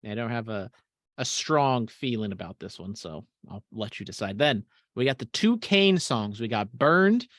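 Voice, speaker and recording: A man's voice: medium pitch, lively intonation, normal speed, a bit bright, no echo, studio quality. A man co-hosting a podcast, chatting casually and swearing freely, often trailing off into mumbles. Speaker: podcast co-host. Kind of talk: casual chat.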